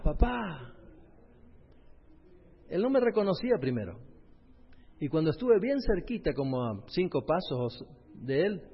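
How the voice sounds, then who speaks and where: Man, pastor telling his story, slightly high voice, long hall reverb, dull lo-fi sound. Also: husky. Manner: storytelling, addresses the audience directly. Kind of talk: personal testimony in a sermon.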